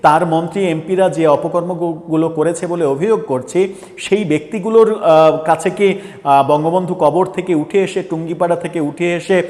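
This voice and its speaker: Earnest halting male commentator with reverb. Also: a little high, fairly even intonation, darkish tone. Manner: halting, many filler sounds and restarts, earnest and pressing. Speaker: political commentator. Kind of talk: political commentary monologue.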